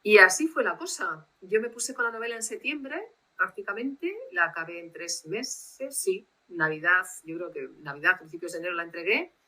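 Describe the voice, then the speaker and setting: A woman translator, telling anecdotes in a lively way and acting out dialogue over a video call. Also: fairly low pitch, moderate pace, rough recording. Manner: lively anecdotal storyteller who acts out dialogue. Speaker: literary translator, guest. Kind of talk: casual storytelling interview.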